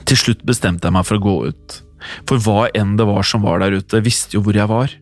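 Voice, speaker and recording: A man's voice: lowish voice, fairly even intonation. A man reading a scripted first-person horror story in a tense, suspenseful way. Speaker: narrator. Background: faint music.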